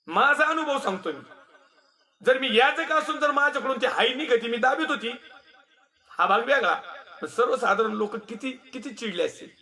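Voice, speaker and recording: A man preaches a sermon in a scolding, mocking tone, laughing often as he speaks. His voice sits very high for a man. It has a sharp, bright edge that cuts through. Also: animated, normal speed. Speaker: pastor.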